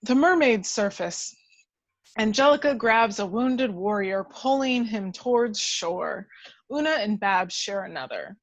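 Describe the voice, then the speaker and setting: At a table read, a woman narrates the scripted action descriptions in a measured, dramatic storytelling manner. Her mid-range voice is animated, though the audio sounds dull.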